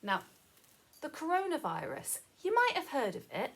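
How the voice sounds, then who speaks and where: A teacher with a high voice reads a story aloud to children at a moderate pace. She explains as she goes, expressive and sing-song, and asks the listeners questions.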